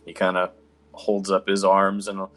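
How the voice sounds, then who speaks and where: A man's voice: low-pitched, monotone, moderate pace, a bit bright, faint music behind. A man narrating a tabletop role-playing game as game master, in a conversational, improvised way.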